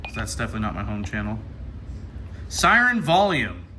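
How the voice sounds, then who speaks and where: A radio hobbyist from Ohio gives casual, hands-on unboxing commentary, muttering through menu items as he thinks aloud. His lowish voice swoops wildly in pitch at a fairly quick pace, with background noise clearly audible.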